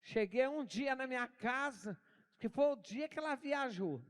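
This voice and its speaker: High-voiced older Brazilian woman preaching. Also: expressive, measured pace. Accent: Brazilian Portuguese. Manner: emotional, storytelling, addresses congregation as brothers. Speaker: pastor. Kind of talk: sermon with personal stories.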